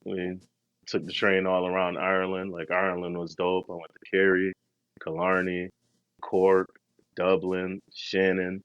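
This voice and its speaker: A man's voice: sits low, completely flat delivery, unhurried, fairly bright tone, smooth, no echo, highs cut off. A man co-hosting a podcast, telling travel stories in a slangy, laid-back, rambling way. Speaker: podcast co-host. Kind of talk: casual travel storytelling.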